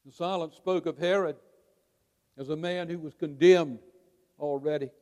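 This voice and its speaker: High-voiced preacher in an echoing hall. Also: male voice, fairly even intonation, darkish tone. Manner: emphatic preaching with dramatic pauses. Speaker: pastor. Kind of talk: sermon. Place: church sanctuary. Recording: long reverb of a large hall.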